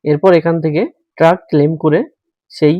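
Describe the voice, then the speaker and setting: A man's voice: a little high, level tone, brisk, mellow, dry recording. A man from giving a patient, step-by-step tutorial, talking viewers through an online form as a friendly host. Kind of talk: screen-recorded how-to walkthrough. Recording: dry, slightly dull voice-over.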